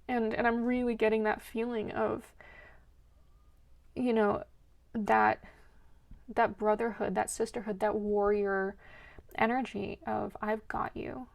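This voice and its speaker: A woman's voice: on the high side, little pitch movement, takes it slowly, vocal fry, long pauses. A woman giving an earnest, emotional spiritual card reading, rambling with many restarts. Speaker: card reader.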